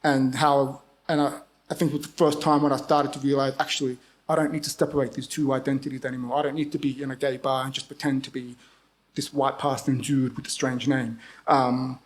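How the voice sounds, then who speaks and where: A man's voice: medium pitch, level tone, a little fast. A man in his thirties with an Australian accent, chatting on a live panel in a rambling, self-deprecating way, laughing often. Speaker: panelist, book editor. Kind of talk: casual chat at a live panel.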